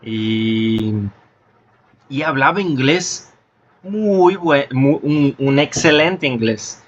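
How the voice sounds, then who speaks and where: A man's voice: mid-range voice, expressive, extremely slow, lo-fi sound. A man hosting a casual conversation, hesitant, searching for words with many restarts. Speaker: host.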